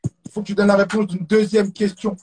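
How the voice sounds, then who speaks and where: A man with a French accent and a high, slightly mellow voice hosts a live stream quiz a little fast, with little pitch movement. Hyped, he repeats catchphrases and sprinkles in English exclamations, heard over a phone or webcam mic.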